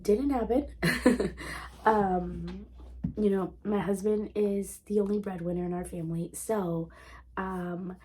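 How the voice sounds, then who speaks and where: A woman in her thirties who vlogs about homeschooling talks in a mid-range, dark, steady voice, taking her time. A sore throat leaves her sounding congested and throaty, yet she chats enthusiastically, with plenty of ums, while showing off a purchase in a casual show-and-tell vlog.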